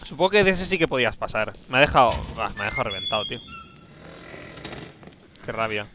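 A man's voice: mid-range voice, big pitch swings, quick pace, background noise. A man from commentates a horror game, talking to himself in a nervous, jumpy way. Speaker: gameplay commentator. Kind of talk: casual gameplay commentary.

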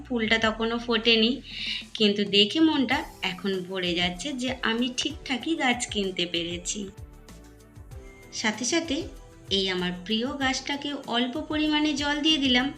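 A middle-aged woman narrates her home cooking and garden vlog, chatting with viewers and calling them her friends. Her voice is on the high side with a fairly bright tone.

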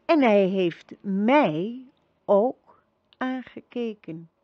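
A gentle young girl empress speaking softly and serenely, as a woman reading a storybook puts her on. Her slow, unhurried lines stay calm and kind. The recording is dry and a little muffled. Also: medium pitch, no echo. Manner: soft, calm and reassuring.

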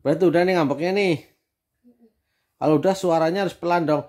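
A man's voice: a little high, fairly even intonation, quick pace, a little mellow. A man, a father playfully teasing his daughter in a casual family vlog, laughing often.

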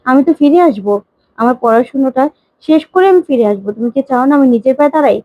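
Woman voicing young son, reassuring, hopeful, high voice, dull lo-fi. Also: expressive, quick pace, no room sound. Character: young adult son, hopeful music student.

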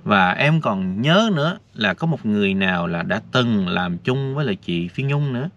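A man records a casual, rambling vlog outdoors, talking directly to viewers at a moderate pace. His lowish, slightly bright voice has lively intonation, captured in dull lo-fi audio with faint noise.

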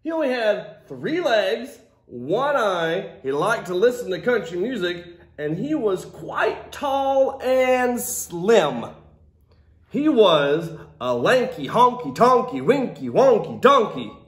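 A man in his thirties, a teacher hosting children's storytime, reads a picture book to kids in a theatrical, exaggerated style with playful asides to his young audience. His voice is high, sing-song and slow. The classroom gives a roomy echo.

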